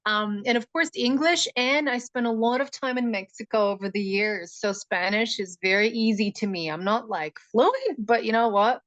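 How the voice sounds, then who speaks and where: A woman from Russia, raised in Montreal, chats as a guest on a podcast about her work. She talks in an animated, easygoing way with frequent laughter. The sound is close and dry, with no room around her. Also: a little high, normal speed, few pauses, no room sound. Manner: animated, laughs often, chatty with fillers. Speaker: neuroscientist guest. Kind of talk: casual podcast interview.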